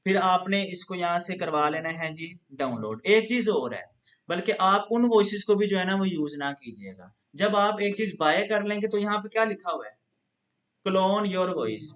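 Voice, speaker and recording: A man with a rather high voice walks through a software tutorial one step at a time. He explains patiently and keeps coming back to the same filler phrase. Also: animated, normal speed. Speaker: instructor. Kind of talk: screen-recorded software tutorial.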